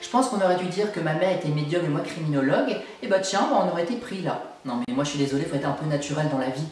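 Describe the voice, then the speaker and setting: A man's voice: on the high side, expressive, rapid-fire, a little hiss or hum. A young man giving an emphatic, exasperated opinion rant to camera, complaining as he goes. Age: young adult. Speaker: video blogger. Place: small indoor room at home. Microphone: camera at a short distance. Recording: very echoey room, distant microphone.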